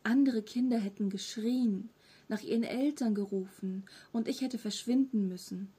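Woman doing a storybook monster, small, furry, three-eyed, mischievous, rough half-whisper, breathy. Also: fairly high pitch, moderate pace, dark tone. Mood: cheeky friendly. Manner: mischievous, friendly. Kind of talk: audiobook character voice.

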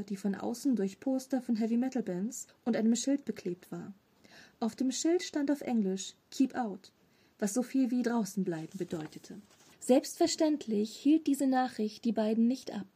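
Children's audiobook narrator, woman, higher warm voice. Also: breathy edge. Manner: steady storytelling. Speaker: audiobook reader.

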